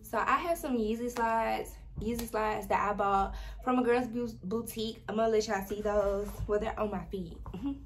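A woman's voice: medium pitch, normal speed, few pauses. A young woman vlogger in casual, informal chat, talking straight to her viewers from a small bedroom, recorded on a camera at desk distance. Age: young adult. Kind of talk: casual haul vlog chat. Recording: noisy background hiss.

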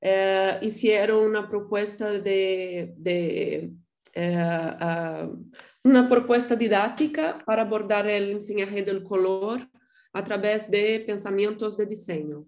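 A woman's voice: medium pitch, steady tone, slow pace, darkish tone. A Brazilian woman with a Portuguese accent presents slides on a video call in hesitant, Portuguese-influenced Spanish. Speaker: academic researcher presenting.

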